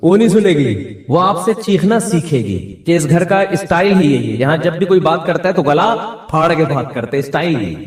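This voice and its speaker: A man's voice: fairly high pitch, lively intonation, far from the mic. A man with a Pakistani Urdu accent delivering an Islamic sermon, asking his audience questions, answering them himself and acting out the voices of people he quotes. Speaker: preacher. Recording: echoey hall, voice from afar.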